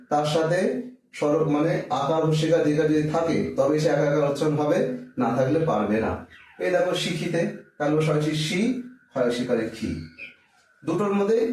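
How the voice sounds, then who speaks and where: A man's voice: fairly high pitch, a little mellow, distant mic. A man teaching children to read, patiently sounding out syllables and answering his own questions. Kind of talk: children's reading lesson. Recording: very echoey room, voice off-mic.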